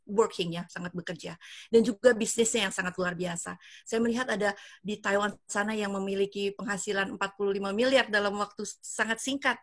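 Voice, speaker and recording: A woman's voice: mid-range voice, fairly bright tone, no echo. A woman in her fifties from Indonesia, hosting an online business presentation over a video call and speaking with frequent fillers. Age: 50s. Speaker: event host and emcee.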